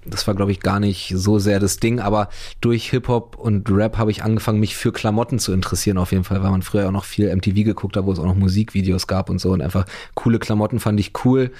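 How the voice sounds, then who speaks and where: A man rambles along in relaxed, slangy talk. His voice sits low and mellow, with little rise and fall. It sounds dry and close to the mic. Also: fast talker, few pauses, no room sound. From Berlin, Germany. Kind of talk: casual chat.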